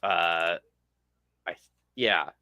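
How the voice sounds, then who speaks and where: Laid-back co-host man, bright tone. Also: low-pitched, extremely slow, dry recording. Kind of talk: casual podcast chat.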